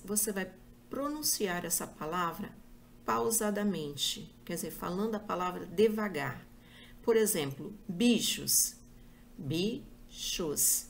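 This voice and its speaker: Slow, patient woman teacher. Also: fairly low pitch, a little hiss or hum. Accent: Brazilian Portuguese. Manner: slow, patient, spells out examples. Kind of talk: school review lesson.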